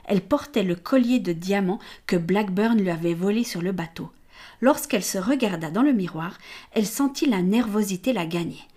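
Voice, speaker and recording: Female audiobook narrator; even, measured storytelling. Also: medium pitch. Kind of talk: scripted narration.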